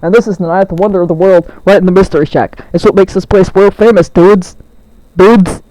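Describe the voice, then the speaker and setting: A woman's voice: fairly low pitch, steady tone, brisk, dark tone, dry recording, close to an everyday voice, rough recording. A woman voicing a laid-back, cheerful young man who guides tourists, drawling and easygoing. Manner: chill, drawling "dude".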